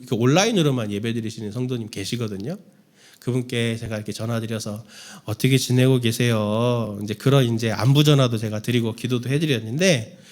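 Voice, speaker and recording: A male pastor giving a candid, self-deprecating Sunday sermon to his congregation. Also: on the high side. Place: church sanctuary.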